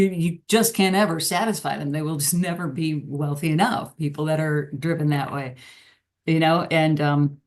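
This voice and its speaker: A middle-aged woman, a business professor and podcast guest, talking in a casual, rambling way and often breaking into laughs. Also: on the low side. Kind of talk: casual interview conversation.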